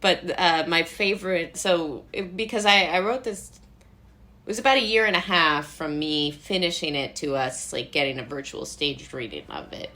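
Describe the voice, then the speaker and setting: This American woman from Brooklyn, New York, speaks in a lowish voice at a moderate pace, casual and rambling as an interview guest. A playwright, director and actor, she fills her animated asides with "like" and keeps interrupting herself with laughs.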